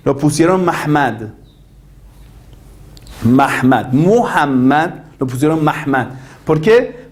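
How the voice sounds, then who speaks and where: A man's voice: a little high, a little mellow. A man teaching a religion class, arguing animatedly and asking rhetorical questions. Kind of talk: lecture.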